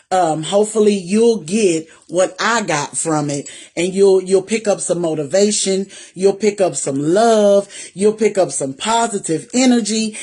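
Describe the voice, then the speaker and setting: A woman, chatting on a live stream and greeting viewers by name. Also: mid-range voice. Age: 40s. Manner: warm, greets viewers by name, Southern "y'all" talk. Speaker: vlogger hosting a live stream. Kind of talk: casual live-stream chat.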